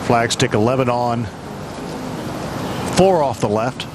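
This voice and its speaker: A man's voice: mid-range voice, expressive, takes it slowly. A man working as a golf commentator, giving live analysis of swings and shots. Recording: loud outdoor background noise. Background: loud outdoor noise.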